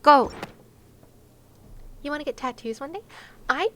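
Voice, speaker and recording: Her voice sits high and unhurried, bright with a forceful edge, as this young livestream host chats casually with her viewers during a game. She's playful, giggles and exclaims often. Game music plays in the background along with slight noise.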